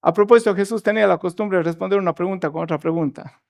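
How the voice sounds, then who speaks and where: Man, pastor, sermon in church, high voice, storytelling delivery. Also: quick pace, vocal fry, a little mellow. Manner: storytelling preacher acting out the Bible dialogue.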